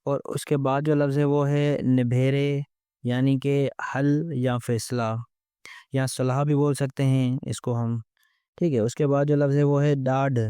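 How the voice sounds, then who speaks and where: A man teaching a vocabulary lesson, explaining word meanings one by one with steady repeated phrasing. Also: mid-range voice, smooth, no echo, studio quality.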